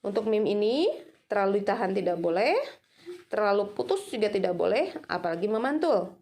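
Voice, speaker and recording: A woman teaching students Quran recitation, speaking patiently and slowly drawing out each sound to demonstrate it. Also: mid-range voice, animated, darkish tone. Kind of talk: recorded lesson for students.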